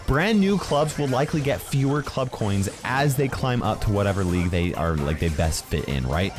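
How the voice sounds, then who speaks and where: A man's voice: lowish voice, lively intonation, moderate pace, music in the background. A man hosting a casual gaming news video, emphatic and conversational, often checking in with tag questions.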